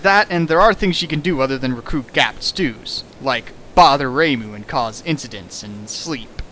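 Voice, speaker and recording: A fanfic riffer on a home stream reads a story aloud while mocking it, sarcastic and exasperated, sometimes switching into mock voices. He talks at normal speed in a mid-range, expressive voice that's bright and forceful, with slight background noise and low recording quality.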